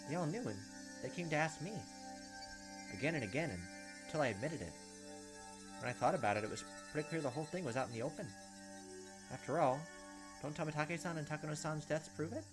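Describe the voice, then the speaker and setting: A man with a slightly high voice, captured in a low-quality recording, reads visual novel narration aloud while hosting a let's play, cutting in with blunt, casual reactions. He sits at a desk indoors with a webcam on, and game music and insect sounds play behind him.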